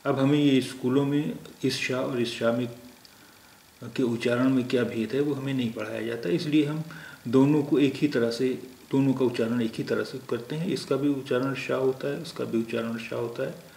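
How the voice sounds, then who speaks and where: A man from India teaching a language lesson, explaining patiently and pausing often to think aloud. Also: medium pitch, steady tone, gravelly, a little mellow. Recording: roomy echo, faint background noise.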